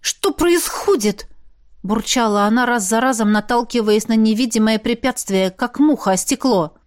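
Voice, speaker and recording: A woman narrating a first-person fantasy audiobook in a steady, expressive reading. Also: on the high side, moderate pace.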